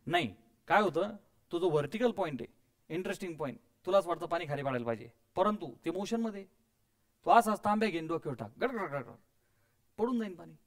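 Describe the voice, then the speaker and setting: A man's voice: a little high, lively intonation, quick pace. A man teaching physics to a classroom of students, coaxing and quizzing them, mixing English terms in and adding playful sound effects.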